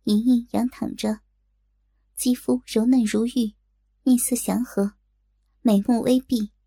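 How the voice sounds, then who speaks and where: Woman narrating a wuxia story, husky and a bit gravelly, mellow tone. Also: on the high side, steady tone, no echo. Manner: measured, storytelling. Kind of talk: scripted martial-arts story narration.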